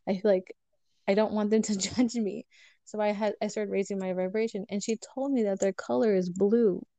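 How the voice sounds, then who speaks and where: A woman speaks in a warm, relaxed register, recounting a personal story to a podcast host. She animates quoted dialogue as she goes, and the recording is dry and close with no room sound. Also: medium pitch, normal speed, dry recording. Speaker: guest telling a personal story. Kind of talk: casual podcast chat.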